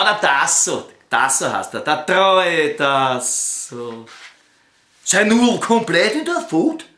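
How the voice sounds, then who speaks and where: Viennese guy doing a fake phone call bit, high bright voice, crude and foul-mouthed, roomy echo. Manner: crude and foul-mouthed, lurching between outbursts and sweet talk. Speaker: comedian performing a one-sided phone call. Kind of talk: comic phone sketch. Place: living room.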